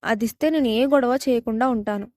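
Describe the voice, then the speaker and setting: A woman's voice: a little high, a little fast, a little mellow, no echo, clean studio sound, close to an everyday voice. A woman reading the part of a stubborn, defiant young woman in a romance audio story, speaking with threats and demands. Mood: demanding.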